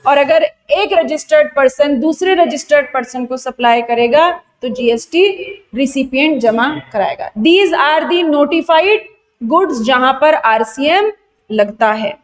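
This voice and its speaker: High-voiced Indian woman quizzing a class. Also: animated, slow. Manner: quizzing students and answering her own questions; mixes Hindi with English technical terms. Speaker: GST exam tutor. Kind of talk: online revision lecture.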